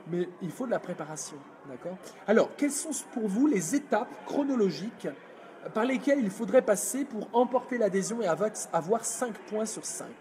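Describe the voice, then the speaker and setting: High-voiced energetic male speaking coach. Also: slight background noise. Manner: energetic, demonstrative, reads chat comments aloud. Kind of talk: live video workshop lesson.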